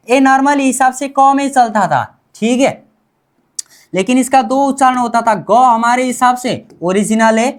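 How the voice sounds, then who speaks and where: A woman teaching a language class, repeating sounds and asking and answering her own questions. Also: a little high. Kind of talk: classroom-style language lesson.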